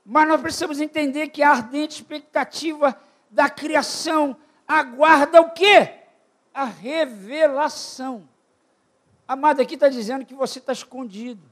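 Older male preacher with a very high voice, questioning his congregation and calling for amens, moving from near-shouts to low murmurs. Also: normal speed. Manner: swings from loud shouted peaks to low quiet asides. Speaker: preacher at a church retreat. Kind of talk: sermon.

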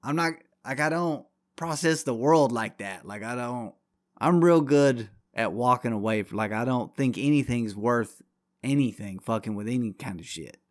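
A man's voice: medium pitch, lively intonation, moderate pace, dry recording, studio quality. A man hosting a podcast alone, ranting in a crude, rambling, combative way with constant swearing. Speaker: podcast host. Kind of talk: profane solo podcast rant.

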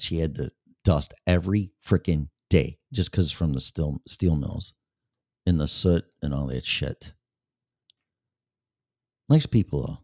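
A Chicago-accented man hosts a casual livestream chat show, talking bluntly with viewers, rambling and swearing plenty. His voice rumbles low with a darkish tone, and the recording is dry and studio-clean.

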